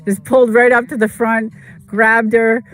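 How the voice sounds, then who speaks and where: A vlogger in casual, rambling chat, repeating words and filling pauses, and turning emotional when recalling a pet's injury. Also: medium pitch, flat delivery, fairly bright tone. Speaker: vlogger telling a personal story.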